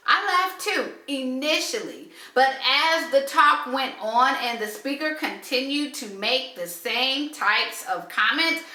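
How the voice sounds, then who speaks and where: In an echoey room, a woman gives an earnest, measured reflection on faith and relationships, slowing down to stress key points. Her voice is high, bright, and crisp.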